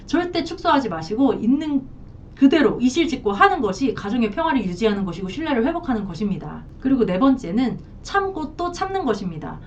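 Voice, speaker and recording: A woman marriage counselor giving frank, emphatic advice to camera, in a dull, slightly distant recording with a faint rumble. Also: sing-song, brisk.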